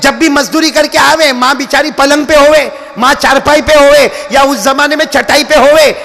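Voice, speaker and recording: A male preacher delivering an impassioned sermon, often shouting and urging the crowd to respond. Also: very high-pitched, fairly even intonation, normal speed, creaky. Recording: long hall reverb.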